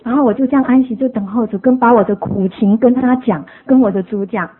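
Husky woman giving church testimony. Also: on the high side, quick pace. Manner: earnest, emotional storytelling with laughs. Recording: tinny phone-like sound.

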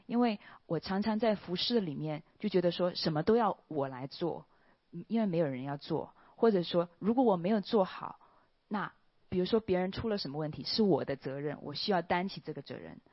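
A woman's voice: on the low side, animated, no echo. Earnest woman sharing a testimony. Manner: earnest, with soft pauses and a trailing "ha" particle. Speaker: church member giving testimony. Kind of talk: personal testimony. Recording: dull, slightly lo-fi, dry recording.

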